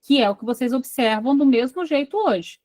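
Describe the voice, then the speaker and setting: A woman's voice: high-pitched, lively intonation, moderate pace, darkish tone, dry recording. A Brazilian woman coordinating an online psychoanalysis study group, reading a case aloud and then stopping to quiz her class. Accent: Brazilian Portuguese. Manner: reads a passage, then breaks off to quiz the class.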